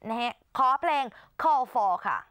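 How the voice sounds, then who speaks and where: A woman teaching English on a televised exam-prep lesson, her voice set a little high. She explains in one language and models English phrases slowly and carefully. The sound is close and dry, with no room around it. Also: very animated, a bit bright, clean tone, dry recording.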